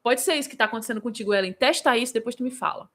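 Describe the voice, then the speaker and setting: Bright-voiced vocal coach woman. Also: on the high side, racing. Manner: lively, demonstrative, breaks into vocal examples; answers viewers by name. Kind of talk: live-streamed singing lesson with Q&A.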